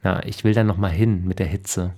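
A man's voice: sits low, steady tone, normal speed, a little mellow. A man voicing a fussy, grumbling older husband who keeps fretting about his garden pool in a storybook reading. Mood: fussing.

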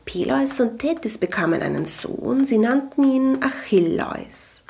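A woman reading a story aloud in a calm narration style, sometimes dropping to a soft whisper. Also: on the high side, measured pace, vocal fry, a little hiss or hum. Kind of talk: scripted audiobook narration.

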